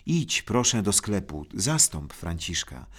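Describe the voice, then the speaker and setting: A man reading aloud, voicing a worried middle-aged mother who pleads softly with her sons. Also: sits low, sing-song, slow pace, breathy edge, exaggerated voice. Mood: pleading.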